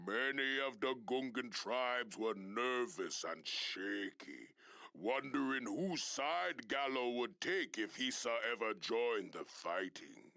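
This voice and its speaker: A man's voice: mid-range voice, bright, forceful tone, no echo, clean studio sound, full character voice. A man voicing a solemn amphibian alien chief who narrates a legend in broken pidgin for a video game. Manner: broken pidgin speech, deliberate storytelling.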